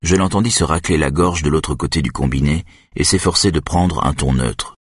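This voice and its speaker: Man narrating an audiobook, extremely low, husky voice, steady and measured. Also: no room sound, studio quality. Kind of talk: first-person audiobook narration.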